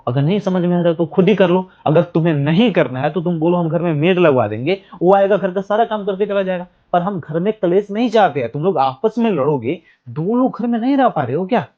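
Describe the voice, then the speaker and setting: Here the same elder-brother role has an animated, brisk delivery pitched high, as he scolds his quarreling wife and sister-in-law. It comes from an amateur family drama, captured in dull lo-fi sound with soft music in the background.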